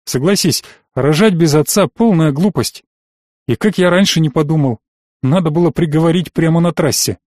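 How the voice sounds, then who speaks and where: A man's voice: a little high, moderate pace, darkish tone, no echo, clean studio sound, lightly acted. A man reading an audiobook voices a domineering older noble father who speaks patronizingly and turns harsh and threatening. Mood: menacing. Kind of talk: audiobook character voice.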